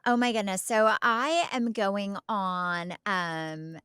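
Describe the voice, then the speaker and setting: Taking it slowly, a middle-aged woman from Oklahoma, United States, rambles chattily and emphatically through family anecdotes as a podcast co-host. Her mid-range voice is pushed, bright, clear, and resonant, recorded cleanly in a studio without echo.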